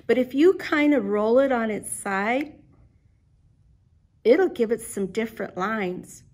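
A woman leading a children's Bible lesson, telling a story gently and asking the little ones questions. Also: fairly high pitch, animated, slow pace. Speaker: children's program leader.

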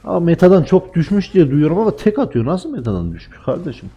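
A man with a dark, mellow voice gives rowdy live commentary on a mobile game as he plays. He gets worked up easily and swears at his own teammates. The recording sounds a little dull and lo-fi. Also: on the high side, quick pace, breathy edge. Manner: excitable, swears and trash-talks teammates. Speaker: gaming channel host.

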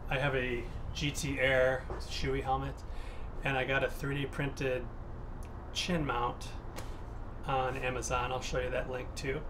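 A man in his thirties talking casually about his DIY gear setup in his home garage, relaxed and chatty with filler words. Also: medium pitch, unhurried, noisy background. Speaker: motovlogger.

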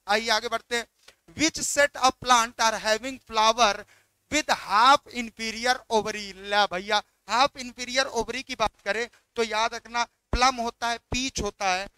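A man's voice: extremely high pitch, bright, forceful tone, smooth, no echo. A man teaching biology, walking through exam questions and coaxing students by repeating each question back.

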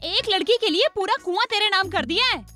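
A woman dubbing a sharp-tongued village woman who scolds and mocks, with film music behind. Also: extremely high pitch, animated, a little fast, heavily acted. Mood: scolding. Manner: scolding, sarcastic. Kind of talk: Hindi film dub acting.

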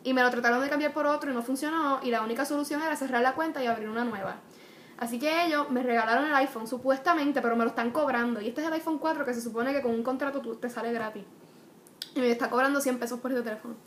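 A woman's voice: sits high, fast talker, a little hiss or hum. A young woman, ranting bluntly and chattily in a casual vlog, swearing freely. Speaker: vlogger.

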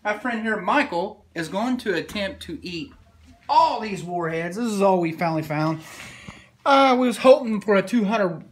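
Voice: mid-range voice, animated, moderate pace. A host giving a loose, chatty introduction to a casual vlog.

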